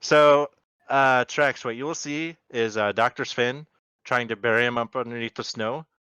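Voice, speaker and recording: A man running an online tabletop game as game master, talking through the scene in an easygoing way. His voice is bright and clean over a computer mic, with no room sound at all. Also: mid-range voice, steady tone, normal speed, clean tone, no echo, low-quality recording. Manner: easygoing, with frequent fillers.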